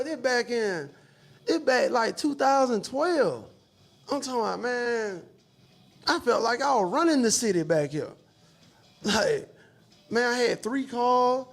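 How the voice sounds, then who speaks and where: A man, chatting casually and laid-back with plenty of slang and swearing. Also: extremely high pitch. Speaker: podcast panelist. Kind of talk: casual chat.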